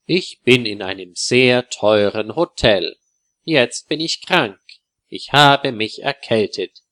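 A man's voice: mid-range voice, lively intonation, slow, fairly bright tone. A man reading a cold-stricken hotel guest. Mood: plain. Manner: plain, simple sentences. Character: a hotel guest, a man who has caught a cold and is annoyed.

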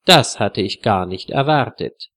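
A man voicing a polite, friendly young male visitor in a slow storybook reading. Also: lowish voice, lively intonation, a bit bright.

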